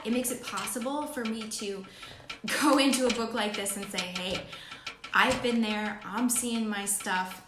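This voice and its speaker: A woman's voice: mid-range voice, reverberant, background noise. A woman talking to camera as a vlogger and life coach, earnest and heartfelt, sometimes restarting when moved. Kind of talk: casual talk to camera.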